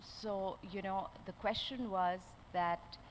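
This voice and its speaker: A woman with an educated, upper-class Indian accent gives a conference keynote in a halting way, pausing often as she goes. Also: mid-range voice, steady tone. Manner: hesitant, halting delivery with frequent pauses. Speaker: keynote speaker. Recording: background noise, live event ambience.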